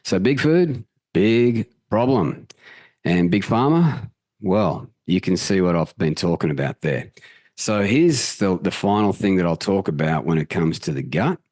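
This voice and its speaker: Man, low voice, energetic casual health presenter, occasional swearing, dry close sound. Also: unhurried, no room sound. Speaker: health channel host. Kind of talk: presenting slides, casual talk.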